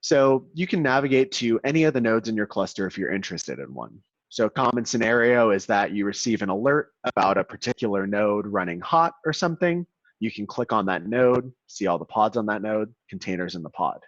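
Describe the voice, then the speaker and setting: A man presenting a software walkthrough in a webinar, explaining steadily while his call audio keeps cutting out and breaking up. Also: on the low side, expressive, a little fast, no echo. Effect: choppy, cutting-out call audio. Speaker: product demo presenter. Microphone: video call. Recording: dull, dry, glitchy call audio.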